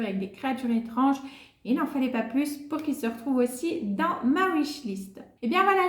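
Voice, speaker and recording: Femme à la voix aiguë, pièce résonnante. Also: female voice, high voice, echoey room. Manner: hesitant, many "euh" fillers. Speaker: book vlogger. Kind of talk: casual book wishlist vlog.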